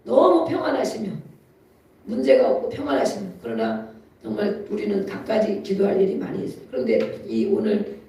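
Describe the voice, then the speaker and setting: With a warm, sing-song voice of medium pitch and a moderate pace, a preacher tells stories and laughs often through a chatty sermon before building to emphatic exhortation. Slight background noise is present, and the distant mic picks up the echo of the church sanctuary.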